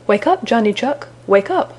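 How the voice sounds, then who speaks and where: A woman's voice: a little high, big pitch swings, moderate pace, husky, pitched above the performer's own voice. A woman voicing a mischievous little breeze spirit who calls out in a storybook. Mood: teasing, urgent. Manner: calling out brightly, mischievous. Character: playful little breeze spirit, female, teasing.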